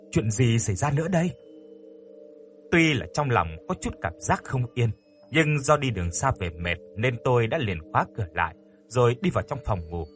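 A man narrating a first-person ghost story in an expressive, dramatic way. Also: mid-range voice.

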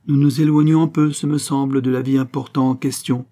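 A man's voice: medium pitch, moderate pace, mellow, husky, close to an everyday voice. A man reading aloud, voicing a haughty aristocratic lady with a cold, mocking, imperious manner.

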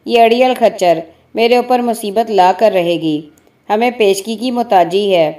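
A woman's voice: medium pitch, warm tone, close to an everyday voice. A woman reading as a pleading injured laborer man. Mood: fretful. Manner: whining, pleading. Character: poor injured male laborer, pleading and fretful.

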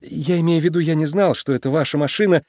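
A man voicing a sly male fox con artist who talks fast and nervously in a storybook reading. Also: high-pitched, expressive, no room sound, clean studio sound, pitched above the performer's own voice. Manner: nervous, rushed pleading.

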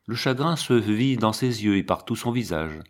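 A man reading a story aloud as an audiobook narrator, in a measured, expressive way. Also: fairly low pitch. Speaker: audiobook reader. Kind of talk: scripted narration.

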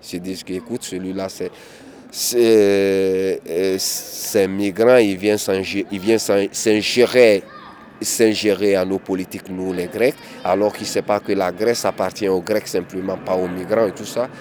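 A migrant activist gives candid interview testimony outdoors in a city, his low, darkish voice steady and a little slow. He speaks with many hesitations, repeated words and restarts.

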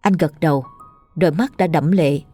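A woman narrating a scripted ghost story at a steady, even storytelling pace. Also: low-pitched, normal speed, soft background music.

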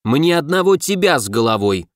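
A man's voice: fairly high pitch, big pitch swings, moderate pace, no echo, studio quality. A man voicing a haughty talking sword spirit. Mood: indignant. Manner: theatrical, haughty, grumbling. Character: sarcastic pompous male sword spirit, fallen god. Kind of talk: audiobook character voice.

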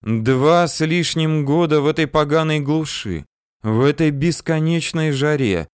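A man voicing a brash, quick-tempered woman banker who talks back indignantly. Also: on the high side, clear, resonant tone, no room sound, studio quality, pitched above the performer's own voice, close to an everyday voice. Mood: fed up.

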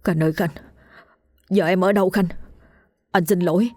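A woman's voice: fairly low pitch, steady tone, moderate pace, dark tone, lightly acted. Frightened young man, tearful and stammering, voiced by a woman narrator. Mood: sobbing.

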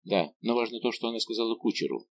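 A man reading an audiobook voices a loyal secretary who speaks in a hurried, worried way. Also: fairly low pitch, lightly acted. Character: anxious, loyal male secretary.

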